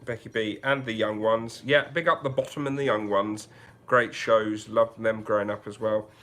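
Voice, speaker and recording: A man hosts a casual livestream, reading out viewer comments and musing aloud in a chatty way, often restarting his sentences. His voice is on the low side with little pitch movement, a fairly bright tone, and a normal speed.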